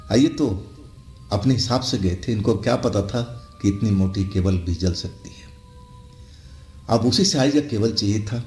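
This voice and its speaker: A man with a low voice tells a horror story in a loose, conversational way and drops in fillers as he goes. The room gives his voice a clear echo, and faint music plays underneath. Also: darkish tone. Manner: unhurried, conversational retelling with fillers. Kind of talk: storytelling narration with acted quotes.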